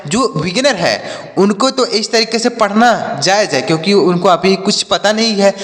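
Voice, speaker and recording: A man's voice: high voice, a bit bright, in a large hall. A man teaching an English reading lesson, spelling each word out letter by letter, then repeating it and answering his own questions. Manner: asks questions and answers them himself.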